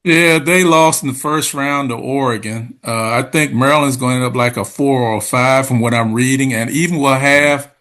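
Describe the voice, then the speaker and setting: A man's voice: mid-range voice, fairly even intonation, moderate pace, few pauses, fairly bright tone. A man co-hosting a sports podcast in casual talk, straightforward and matter-of-fact.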